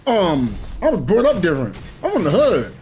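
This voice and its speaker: A man's voice: sits high, normal speed, soft background music. A man streaming a game, telling a long rambling story in casual chat and acting out the people in it. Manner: rambling, animated storytelling with voiced quotes. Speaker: gaming streamer. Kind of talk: casual chat while gaming.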